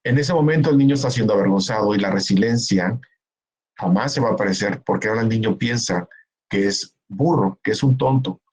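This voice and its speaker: A man's voice: lowish voice, a little fast, darkish tone, husky, rough recording. A man, giving a conference talk in an earnest, explanatory way, often stopping to act out what parents say. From Mexico. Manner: earnest, explanatory, acts out parents and relatives in quoted asides. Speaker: keynote speaker. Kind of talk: conference talk, answering a question.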